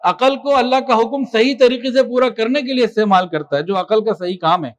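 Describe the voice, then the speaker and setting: A man preaching a sermon with passion, moving between soft explanation and loud emphasis. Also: very high-pitched. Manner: impassioned, swings from soft to loud with chanted Quran recitation.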